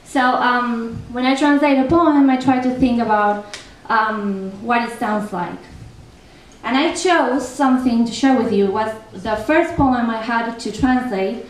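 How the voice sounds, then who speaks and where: Speaking a little slowly in a fairly high voice, this young native Spanish speaker from Argentina has a thick Argentinian accent. On a translation panel, she talks in a chatty way, often saying um and starting over, and also reads out a poem. It was captured from a distance in an echoey festival event room with a bit of faint noise.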